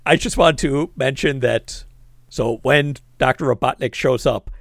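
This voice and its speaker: Gravelly man chatting about movies. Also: medium pitch, a little slow, no echo, studio quality. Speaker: podcast co-host. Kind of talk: casual movie-review chat.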